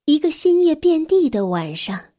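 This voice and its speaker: A woman narrating a bedtime story for children in a gentle, soft way, sometimes dropping to a whisper. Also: high-pitched, big pitch swings, moderate pace.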